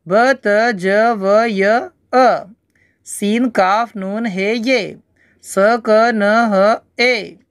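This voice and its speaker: A woman teacher with an Indian Urdu accent, reading words and short sentences aloud slowly and deliberately to children. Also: medium pitch, no echo, studio quality. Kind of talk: slow read-aloud lesson for children.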